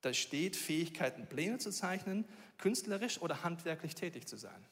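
A man from Bavaria preaching, telling a funny personal story in a lively, animated way. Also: on the high side, moderate pace. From Bavaria, Germany. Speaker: pastor. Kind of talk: sermon with a storytelling style. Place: church hall. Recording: reverberant church hall.

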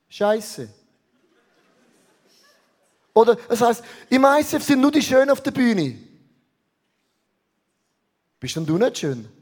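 High-voiced energetic preacher man. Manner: energetic, mixes English phrases into German. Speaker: pastor. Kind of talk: sermon.

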